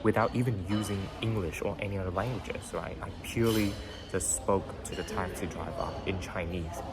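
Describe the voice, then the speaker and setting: At normal speed, with a low voice and fairly even intonation, a young Vietnamese-speaking podcast host casually tells a motivational story. Fillers and "right?" tag questions keep cropping up. Music plays in the background under his voice.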